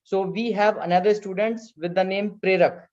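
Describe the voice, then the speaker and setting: High-voiced Indian-accented man hosting, muffled audio. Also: fairly even intonation, normal speed, darkish tone. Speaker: placement presentation host. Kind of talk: presenting and moderating an online event. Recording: dull, lo-fi video call audio.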